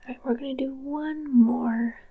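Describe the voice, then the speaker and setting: A woman speaks in an ASMR role-play for ASMR, slow and gentle. Her soft voice is breathy and soft-edged, with a mellow tone and some crackly fry as she guides the listener along. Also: high-pitched, fairly even intonation. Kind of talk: ASMR role-play, a soothing brain-cleaning session.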